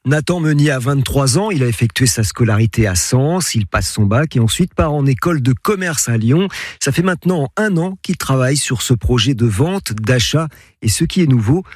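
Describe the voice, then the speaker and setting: Male reporter voice-over, measured, slightly husky, dry. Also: medium pitch, expressive, no room sound. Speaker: radio reporter. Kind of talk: scripted report narration.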